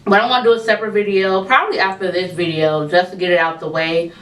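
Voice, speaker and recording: A woman's voice: lowish voice, fairly even intonation, quick pace, fairly bright tone. Chatty woman with a lisp, roomy echo. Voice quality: lisp from braces and tongue crib. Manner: chatty, informal, addresses viewers as y'all. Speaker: vlogger. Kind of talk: casual life update vlog. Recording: roomy echo, speaking from a distance to the mic.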